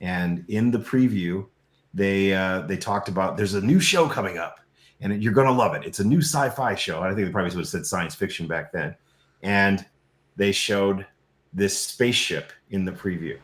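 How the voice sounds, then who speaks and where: A middle-aged American filmmaker, appearing as a guest on a show, tells personal stories conversationally. His voice sits low with a fairly bright tone at a normal speed, and the recording sounds echoey and roomy.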